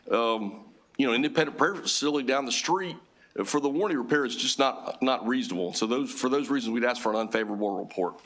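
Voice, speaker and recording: A man's voice: mid-range voice, a bit bright. Plain-spoken man testifying formally. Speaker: industry witness testifying.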